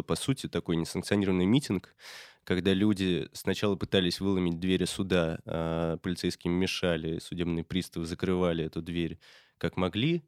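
A man, a reporter, recounting events in casual talk, halting with frequent filler sounds. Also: sits low, no echo, clean studio sound. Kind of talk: casual spoken recollection.

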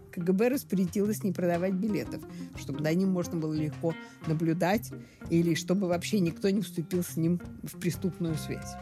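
A woman in an interview recalling family memories, pausing often and searching for words. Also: fairly low pitch. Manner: hesitant, with many pauses and fillers. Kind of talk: interview recollection.

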